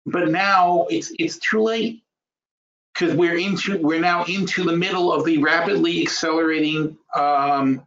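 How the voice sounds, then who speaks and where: Unhurried and fairly even in intonation, this man's voice sits on the high side and sounds a bit bright. At fifty-five, he hosts a trading webinar, lecturing on finance in a casual, explanatory, blunt way while thinking out loud, reusing phrases and asking rhetorical questions. The recording has a dull, roomy, low-fidelity webinar quality.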